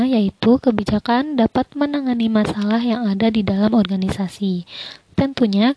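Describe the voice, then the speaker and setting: Young woman reading answers, slightly high. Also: noisy background. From Indonesia. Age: young adult. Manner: measured, careful recitation with occasional slips. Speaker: university student presenting coursework. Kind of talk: reading prepared answers aloud.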